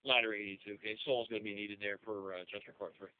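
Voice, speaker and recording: Fast male dispatcher over tinny two-way radio. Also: on the low side, little pitch movement, slight background noise. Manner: procedural, formal radio talk. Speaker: county emergency dispatcher.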